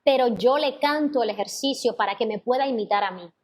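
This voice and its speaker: A woman's voice: on the high side, a little fast. A woman teaching a singing class, explaining patiently and singing sample notes and scat syllables. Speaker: vocal teacher. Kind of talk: online class feedback to students.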